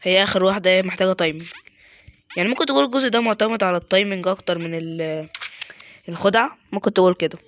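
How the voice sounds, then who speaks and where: A man's voice: sits high, racing, fairly bright tone, lo-fi sound. Muttering Egyptian man gaming. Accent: Egyptian Arabic. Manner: mutters to himself, self-mocking, with sudden exasperated outbursts. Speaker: gaming YouTuber. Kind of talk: casual gameplay commentary.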